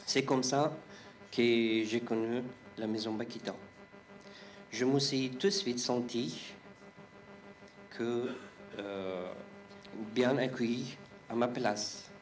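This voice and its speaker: Slow halting man. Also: medium pitch, soft background music. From Afghanistan. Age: 30s. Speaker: refugee giving testimony. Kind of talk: read-out personal testimony.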